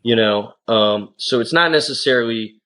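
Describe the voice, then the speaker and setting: In a bright, forceful tone at medium pitch and moderate pace, a coxswain and coach from the United States answers a rowing interview, thoughtful yet casual, leaning often on "um" and "you know."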